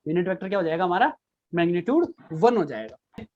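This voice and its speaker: A man's voice: high voice, big pitch swings, a little fast, darkish tone, lo-fi sound. A man teaching a physics class, repeating key points and quizzing his students with frequent questions. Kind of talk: live online class lecture.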